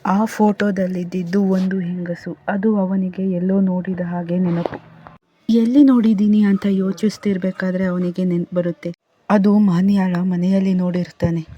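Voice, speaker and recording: A woman storyteller narrating a horror story in a measured, suspenseful reading. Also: mid-range voice, fairly even intonation, dark tone, lo-fi sound.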